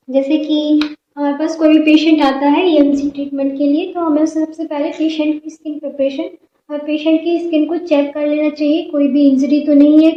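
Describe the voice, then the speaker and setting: A woman with a high voice teaches a physiotherapy class, going through her notes one point at a time in a steady, explaining way. The sound is dull and lo-fi, with the echo of a roomy space around her.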